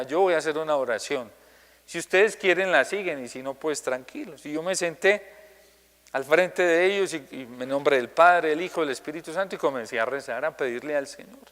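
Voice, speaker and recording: A Colombian priest gives a homily in a big-sounding room, speaking Colombian Spanish in a fairly high, brisk voice. He tells a personal story and acts out the people he quotes in lively voices.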